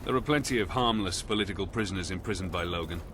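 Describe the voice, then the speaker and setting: An actor playing a stern, dutiful prison commander in a video game, with a formal military manner. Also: male voice, low voice, fast, noisy background, lightly acted. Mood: formal, foreboding. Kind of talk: video game cutscene acting.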